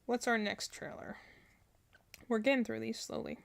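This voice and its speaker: Her voice is fairly high and gravelly, with fairly even intonation and a moderate pace. A streamer reacting to game character trailers, she chats loosely, thinks aloud, and rambles through strong opinions.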